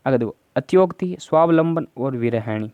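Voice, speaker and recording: A man with a Rajasthani accent teaches Hindi grammar for exam prep, going through each answer option step by step. His voice is mellow and relaxed, recorded dry and close. He keeps nudging viewers to answer quickly. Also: mid-range voice, clean tone, no room sound.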